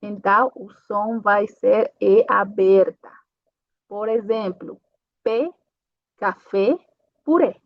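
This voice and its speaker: A woman's voice: mid-range voice, flat delivery, slow pace, dry recording, highs cut off. A woman teaching a pronunciation lesson. She explains step by step and checks in with her learners after each point. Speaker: language teacher.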